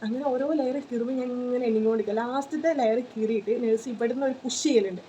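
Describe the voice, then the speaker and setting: A woman's voice: fairly high pitch, rapid-fire, dark tone, a little hiss or hum. A woman, telling a personal story in a casual vlog, chatty with lots of fillers and "you know" tags. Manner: chatty, tags sentences with 'you know', many fillers. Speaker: vlogger.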